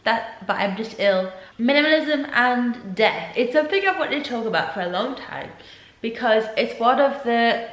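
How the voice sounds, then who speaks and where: A young woman vlogging to camera while ill, with a nasal, stuffed-up voice and a sore throat, talking earnestly at low energy. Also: lively intonation, moderate pace. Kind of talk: casual vlog talk to camera. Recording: echoey room.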